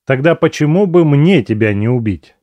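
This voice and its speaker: A man's voice: fairly high pitch, expressive, normal speed, no room sound, dull audio, voice pushed up, close to an everyday voice. A man doing a sarcastic, biting prisoner.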